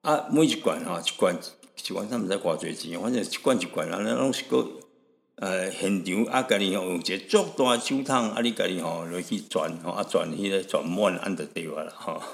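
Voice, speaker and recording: A man from Taiwan hosting a radio show, telling stories in a rambling, relaxed way with frequent chuckles and tag particles. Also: sits low, brisk, creaky, long reverb tail. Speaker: radio host. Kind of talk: chatty radio storytelling. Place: radio studio.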